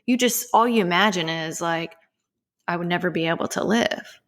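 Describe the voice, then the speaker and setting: A woman, a podcast co-host, talking earnestly in a halting, casual way and sometimes dropping to a soft near-whisper. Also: fairly low pitch.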